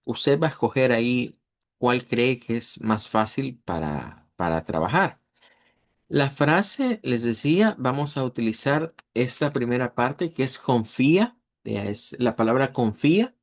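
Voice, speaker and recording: A man's voice: mid-range voice, lively intonation, a little slow. A man teaching a language class, patient and methodical, repeating example words several times. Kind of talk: online class lesson.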